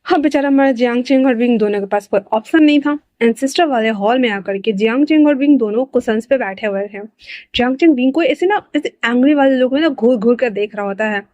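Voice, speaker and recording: A woman's voice: fairly high pitch, quick pace, warm tone, no room sound, muffled recording. A woman narrating a fan-fiction story in a chatty, colloquial way, dropping in English words.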